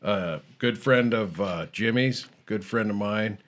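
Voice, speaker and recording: Deadpan low-voiced man hosting. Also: unhurried. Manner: deadpan, dry monotone delivery. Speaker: fill-in host. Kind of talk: casual comedic chat show.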